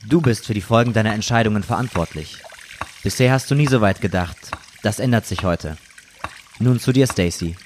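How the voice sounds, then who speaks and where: A man voicing a cold, sinister male game master villain with solemn, measured pronouncements. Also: on the low side, noisy background, close to an everyday voice. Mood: menacing. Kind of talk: scripted villain narration.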